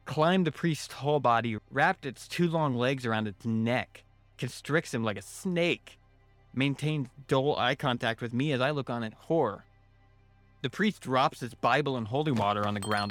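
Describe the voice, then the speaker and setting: A man's voice: medium pitch, fairly bright tone, no room sound. A man narrating a scripted first-person horror story in a wry manner.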